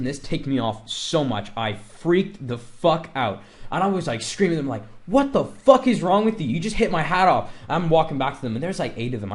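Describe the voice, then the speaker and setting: Rambling young guy telling a story. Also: mid-range voice. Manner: rambling, filler-heavy and swearing. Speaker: vlogger. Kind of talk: casual storytime narration.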